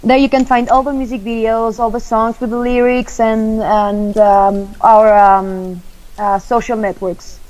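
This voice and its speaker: A woman's voice: fairly high pitch, flat delivery, a little mellow, lo-fi sound. Giggly woman guest with a Spanish accent. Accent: Spanish-speaking. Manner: hesitant, giggly, halting. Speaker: band member, guest. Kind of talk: casual radio interview.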